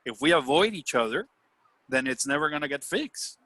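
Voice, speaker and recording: Heading a casual discussion by video call, a Puerto Rican businessman, a native Spanish speaker, sounds earnest and keeps seeking agreement with "right?" and "you know." His fairly high, sharp voice is expressive, his pace moderate, with no echo.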